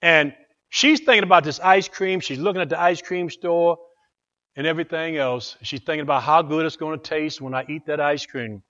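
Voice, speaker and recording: A man's voice: on the high side, moderate pace, highs cut off. A man preaching a sermon, telling a story dramatically and repeating phrases for emphasis. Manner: animated and dramatic, with repetition.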